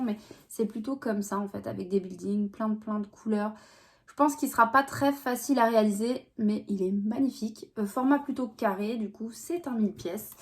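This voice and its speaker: A woman's voice: a little high, a little mellow. A woman talking casually in a vlog, chatty and rambling, with many fillers and restarts. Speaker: vlogger.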